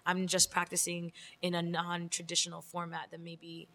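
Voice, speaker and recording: A woman's voice: fairly low pitch, monotone, moderate pace, sharp tone, long reverb tail. A young woman from Los Angeles, speaking candidly as an interview guest and laughing often. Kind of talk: casual interview.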